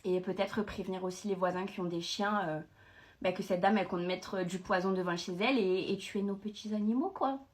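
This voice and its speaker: A woman's voice: lowish voice, little pitch movement, brisk. A young woman vlogger telling a story in a casual, emotional, indignant way, with plenty of fillers.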